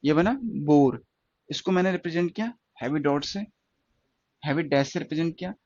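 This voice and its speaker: Male shorthand tutor, slightly high-pitched, steady repetitive classroom delivery, muffled lo-fi audio. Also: no room sound. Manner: slow, repetitive explaining with questions to students. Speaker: stenography teacher. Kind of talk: classroom lesson.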